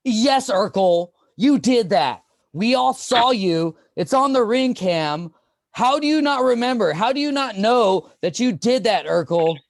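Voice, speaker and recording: Man doing a shrill fed-up family member, slow drawn-out scolding, dry. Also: lively intonation, dry recording. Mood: exasperated. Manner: loud, drawn-out exasperated scolding.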